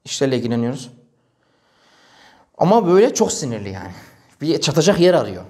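A man's voice: a little high, fast talker. A male preacher telling a story in a religious talk, acting out the dialogue. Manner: animated, acts out quoted dialogue.

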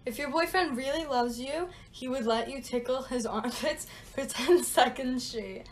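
A woman's voice: sits high, measured pace. A young woman talking in a playful, casual way for a challenge video, giggly and teasing.

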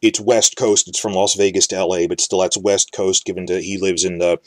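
A man's voice: deep voice, flat delivery, brisk, slight background noise. A man from the New York area giving casual solo commentary, rambling and speculative, often restarting his words. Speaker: fantasy TV commentator.

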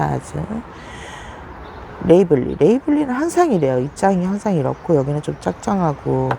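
A woman's voice: gravelly, mellow, slight background noise. A woman casually narrating a tour of her succulents, chatty and exclaiming over them. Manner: chatty, exclaims over her plants with sudden high gasps. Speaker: succulent plant vlogger.

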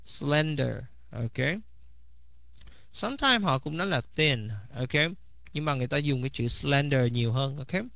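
A man's voice: medium pitch, expressive, unhurried, gravelly, a bit bright, no echo. A man teaching English vocabulary in a bilingual lesson, repeating each word several times. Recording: slightly dull, dry recording.

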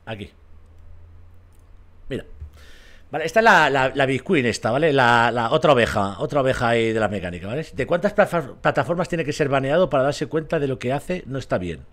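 A man's voice: medium pitch, expressive, fairly quick, fairly bright tone. A man with a Spain Spanish accent, ranting on a livestream in a blunt, profane, combative way and keeps asking his audience if they agree. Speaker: streamer.

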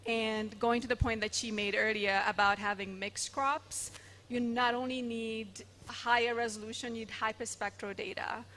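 A woman speaking as a panelist at a conference, explaining points in a measured way with occasional fillers, on a handheld microphone. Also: fairly high pitch, level tone, bright, forceful tone, slight background noise. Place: large conference hall stage.

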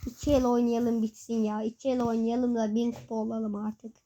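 A young gaming host giving excited live commentary while playing. They repeat the same phrases over and over and shout urgent commands at the screen. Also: mid-range voice, normal speed, slight background noise, rough recording.

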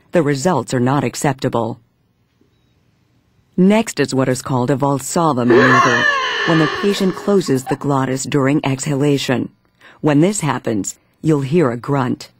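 A man reading scripted instructional narration in a measured, step-by-step manner. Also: medium pitch, no echo.

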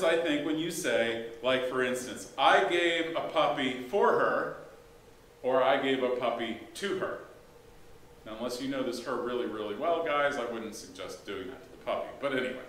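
A man's voice: fairly high pitch, a bit bright. A man preaching a sermon as pastor, conversational and folksy, with rhetorical questions and casual asides. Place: church sanctuary. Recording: echoey church room, faint background hiss.

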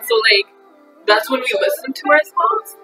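A young woman co-hosting a music reaction video, ribbing her friends in a quick, matter-of-fact way. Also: high-pitched, lively intonation. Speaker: reaction channel co-host. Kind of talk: casual reaction chat.

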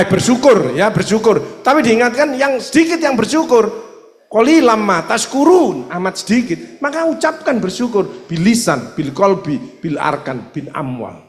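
A man with an East Javanese accent, a doctor giving an animated religious health seminar talk, acting out dialogues. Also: high voice. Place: seminar hall. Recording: echoey hall reverb.

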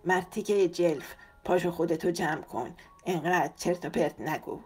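A woman voicing a dignified, polite man with a gentle, composed manner, in an audiobook. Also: on the low side, husky, faint music behind. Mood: calm. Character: dignified, courteous older brother, gentle.

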